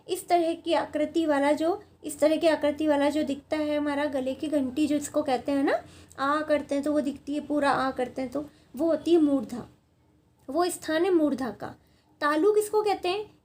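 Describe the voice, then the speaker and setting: A Sanskrit teacher with a notably high voice and darkish tone teaches grammar at a board. She speaks patiently, repeating points and checking in with students, walking through the lesson step by step.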